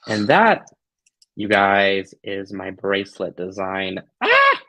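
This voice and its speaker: A man's voice: low voice, slow, vocal fry, fairly bright tone. A man hosting a live craft tutorial, chatting casually to viewers in a gushing, affectionate, playful way. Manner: giggly, playful.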